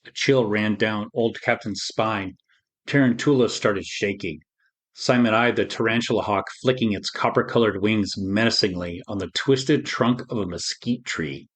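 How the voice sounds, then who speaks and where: Calm male storyteller. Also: fairly low pitch, normal speed. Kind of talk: children's story narration.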